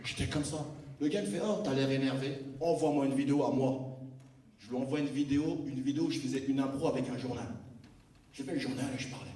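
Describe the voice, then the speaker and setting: A man with a street accent from Lyon performing stand-up, telling a story and acting out the people in it, sometimes shouting the punchlines. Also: mid-range voice, distant mic. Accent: Lyon street French. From France. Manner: animated, acts out characters, shouts punchlines. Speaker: stand-up comedian. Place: large theatre stage with live audience. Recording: roomy hall, mic heard from afar, audience.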